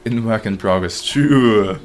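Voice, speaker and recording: Male streamer, lower register, playful and talkative, answering chat mid-game, light noise behind. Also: slow. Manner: joking, chatty, reads chat aloud. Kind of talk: live gameplay commentary.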